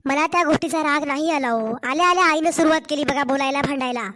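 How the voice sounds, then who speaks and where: A hoarse young wife, voiced by a woman for a cartoon story, pouring out complaints in a Marathwada Marathi accent. Her voice is high and steady. She pleads and protests. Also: quick pace. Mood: aggrieved. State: hoarse from a cold. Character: young wife and mother, aggrieved daughter-in-law.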